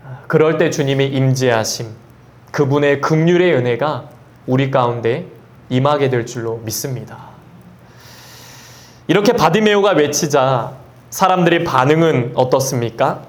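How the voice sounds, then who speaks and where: A man preaching a sermon as pastor. He asks the congregation questions, reads scripture slowly and tells stories in a conversational way. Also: medium pitch. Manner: conversational storytelling asides.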